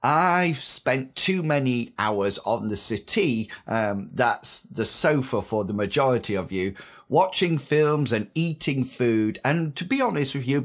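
A British man in his fifties with a slightly husky voice, recovering from a sore throat, hosting a podcast in a scripted style. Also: medium pitch. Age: 50s. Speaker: podcast host.

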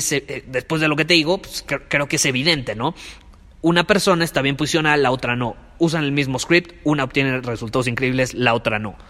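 A man's voice: medium pitch, a bit bright. Mexican guy giving a motivational talk, repeats stuff a lot, reverby room. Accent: Mexican Spanish. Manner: emphatic, preachy, repeats key phrases. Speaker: podcast host and sales coach. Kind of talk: motivational monologue.

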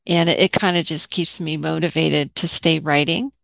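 A middle-aged woman chats as an interview host in a lowish voice with plenty of fry. She is expressive, acting out her thoughts, and the sound is very dry. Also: moderate pace, no room sound. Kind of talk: casual interview chat.

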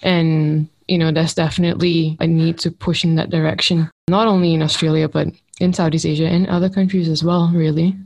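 A woman originally from Malaysia, interviewing guests in a thoughtful, measured conversational way. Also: deep voice, level tone, darkish tone, low-quality recording. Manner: thoughtful, measured, uses fillers like "you know".

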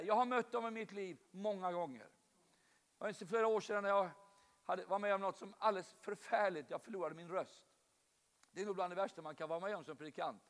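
A male preacher delivers a sermon in a high, bright-pitched voice, turning often to the congregation with questions. His voice rings with the long reverb of a large church hall. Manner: storytelling, addresses congregation directly.

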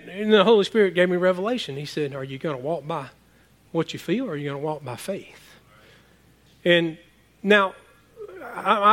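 A man with a high, light voice preaching to his congregation. He talks in a loose, conversational way, repeating words and tossing in quick asides. He speaks from a church. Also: fairly bright tone. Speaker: pastor. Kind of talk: sermon.

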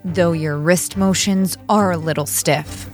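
A woman's voice: fairly low pitch, fairly even intonation, unhurried, natural voice. Casting: actress playing a cutting, no-nonsense fighter girl, faint music under. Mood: sarcastic. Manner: cutting, sarcastic. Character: sharp-tongued young female warrior, tough.

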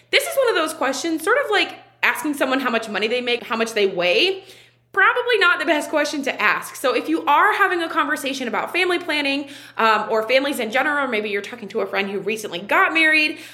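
Here a young woman in her 20s, an online wellness coach with her own podcast, chats frankly through a solo episode and leans on fillers often. The voice is slightly high, bright and forceful.

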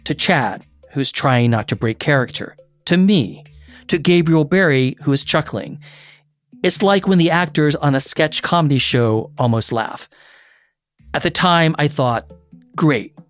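A middle-aged actor narrating his own story in a measured, reflective way with a wry edge. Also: fairly high pitch, expressive, no echo, soft background music. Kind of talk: scripted memoir narration.

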